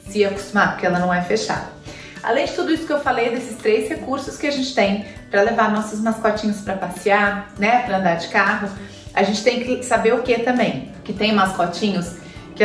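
Speaking from a sofa in her living room, this thirty-something pet vlogger from Brazil talks casually to the camera, offering tips and leaning heavily on fillers. Her pitch sits in the middle range, and she's far from the microphone. Soft music plays in a roomy, off-mic space.

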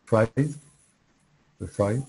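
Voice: mid-range voice, drawn-out words, a little mellow, slightly rough. Hesitant student on a video call. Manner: hesitant, simple English. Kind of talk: answering in an online class.

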